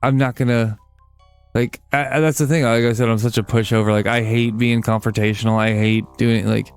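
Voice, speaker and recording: A man's voice: on the low side, fairly even intonation, fairly quick, smooth, faint music behind. A man rambling casually while playing a game, swearing freely and making fun of himself. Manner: rambling, swears a lot, self-deprecating. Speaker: let's play gamer.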